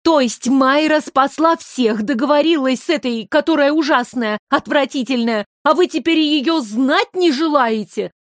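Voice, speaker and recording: A woman's voice: high voice, animated, takes it slowly, no room sound, studio quality, pitched above the performer's own voice. A woman voicing a bold, outspoken little girl, in a storybook reading. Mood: indignant. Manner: loud and outspoken.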